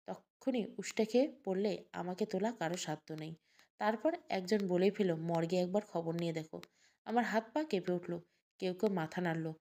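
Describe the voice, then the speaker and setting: A woman narrates an emotional first-person audio story. Her voice sits fairly low and sounds mellow and warm. The storytelling is heartfelt and earnest.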